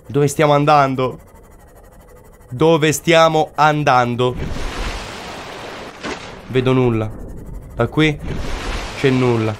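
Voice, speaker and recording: Slow-talking man narrating his gameplay. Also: medium pitch. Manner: exclamatory, repeats short phrases over and over. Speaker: gaming commentator. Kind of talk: let's play commentary.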